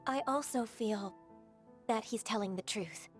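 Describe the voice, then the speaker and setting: Calm polite official, high clear voice, formal and composed, faint music. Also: female voice.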